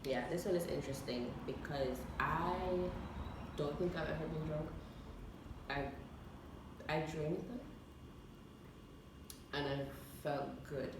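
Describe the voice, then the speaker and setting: A young woman talks casually to camera as a vlogger. Her voice is low in pitch. She sounds away from the mic, in a room with heavy echo. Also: steady tone, slow pace, long pauses. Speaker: vlog host. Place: echoey room. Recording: echoey room, distant mic, clear noise.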